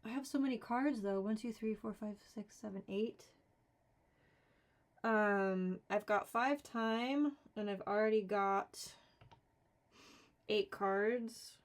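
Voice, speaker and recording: A woman's voice: medium pitch, slow pace, long pauses. A woman streaming a solo board game, casually thinking aloud, counting cards and talking herself through the rules with mildly exasperated asides.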